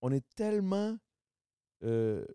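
Québécois man, smooth dry podcast voice. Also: high voice, very animated, takes it slowly, warm tone, no room sound. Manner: loose and joking, lots of fillers and slang. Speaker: podcast host. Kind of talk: casual podcast conversation.

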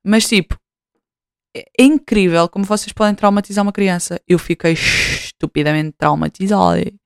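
A woman in her twenties with a European Portuguese accent hosts a podcast, rambling in casual chat, swearing freely and poking fun at herself. Her mid-range voice is creaky, with a clean tone, at a moderate pace, and the studio recording is dry and clean.

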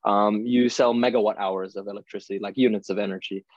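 A man's voice: on the low side, fairly even intonation, fast, no room sound, highs cut off. A young man from India, raised in Italy, talking as a podcast guest and explaining things with everyday examples and many "you know"s. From born in India, grew up in Italy. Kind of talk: conversational explanation.

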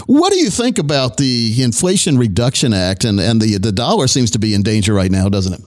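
A man's voice: medium pitch, sing-song, brisk. A man hosting a talk radio show, introducing and interviewing a guest in a chatty way and laughing easily.

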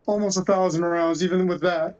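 A woman's voice: fairly low pitch, steady tone, a little fast, a little mellow. A woman who plays airsoft, chatting casually on a podcast and telling stories in a self-deprecating way. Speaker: airsoft player. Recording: dull lo-fi audio.

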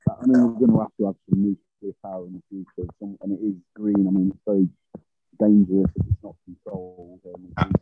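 A man talking casually and haltingly on a group call with his phone held away from his mouth, so his voice comes through muffled. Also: fairly low pitch, fairly even intonation, slightly rough, soft background music. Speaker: caller in a group phone discussion. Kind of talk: casual chat. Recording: tinny dry phone line.

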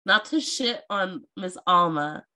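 Bright, animated woman chatting casually. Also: lowish voice, slow pace. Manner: animated, laughing, swearing freely. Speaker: book podcast co-host. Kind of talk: casual book discussion.

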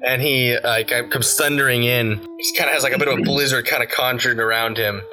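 A man's voice: mid-range voice, fairly even intonation, brisk, bright, forceful tone, soft background music. A man narrating a tabletop game as game master, rambling with many fillers.

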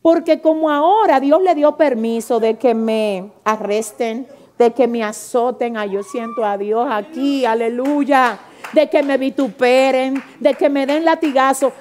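A woman preaching a fervent sermon, swinging between loud exclamations and soft pleading, calling out to her congregation. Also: high-pitched, unhurried, a little hiss or hum. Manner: calls out to the congregation, asks for responses. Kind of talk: Pentecostal-style sermon.

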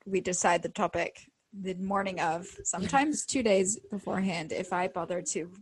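A woman's voice: on the low side, moderate pace, husky. A young woman co-hosting a podcast in casual chat, blunt and self-mocking, laughing often. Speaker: podcast co-host.

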